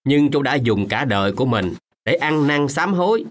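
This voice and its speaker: An actor playing a kindly, remorseful old man in a radio drama, gentle at times and firmly scolding at others. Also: medium pitch, animated, normal speed, close to an everyday voice. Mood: stern. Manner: gentle, then firm and scolding.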